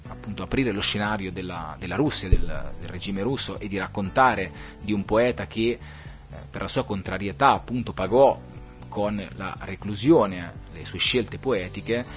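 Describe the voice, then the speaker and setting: A low-pitched man hosts a poetry programme from a studio. He talks in a thoughtful, meandering way, pausing on fillers and restarting his phrases. Soft music plays faintly underneath. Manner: reflective, digressive, with hesitant fillers and restarts. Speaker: host of a poetry show. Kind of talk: podcast talk with poetry reading.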